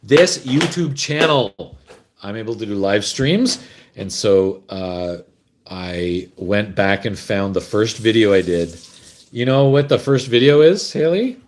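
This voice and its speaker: A man's voice: fairly low pitch, lively intonation, measured pace, a little hiss or hum. A man from Canada hosting a casual livestream, chatting in a rambling way while fumbling with his camera gear. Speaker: host.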